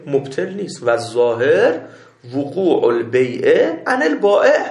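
A man teaching a seminary class, reading Arabic text slowly and explaining it step by step, often checking that his students follow. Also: sits high, reverberant. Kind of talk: classroom lecture on Islamic jurisprudence.

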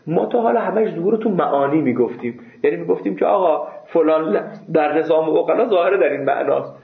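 High-voiced man lecturing in an echoey room. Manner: emphatic, asks and answers rhetorical questions. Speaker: seminary teacher. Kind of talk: classroom lecture on Islamic jurisprudence. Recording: echoey room over a phone-like line.

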